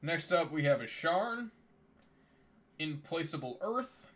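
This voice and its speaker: A man with a somewhat high voice chats casually on a live stream. He reads card text aloud in a plain, running commentary. His voice is tiring and starting to fail. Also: sing-song, takes it slowly, fairly bright tone. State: losing his voice.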